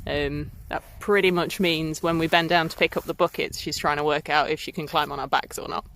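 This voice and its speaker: A woman's voice: sits low, steady tone, fairly quick, fairly bright tone. A woman, vlogging casually to a handheld camera in a farm field. She is slightly out of breath, chatty and giggly, with lots of ums. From England. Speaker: smallholding vlogger.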